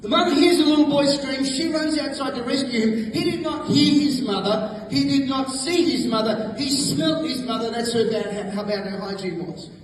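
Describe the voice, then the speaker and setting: A middle-aged Australian man giving a fiery, fast rally speech with stammering restarts. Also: extremely high pitch, background noise. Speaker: rally speaker. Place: large hall, heard from afar. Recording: echoey hall from far off.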